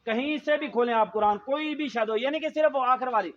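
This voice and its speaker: A man's voice: extremely high pitch, muffled recording, a little hiss or hum. A man teaching children a Quran reading lesson, drawing them into call-and-response and leaving sentences for them to finish.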